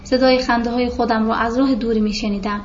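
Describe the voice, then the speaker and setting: A woman reading a literary novel aloud in a calm, measured storytelling voice, on a dull lo-fi recording with faint hiss. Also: on the high side. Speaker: narrator. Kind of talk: literary audiobook narration.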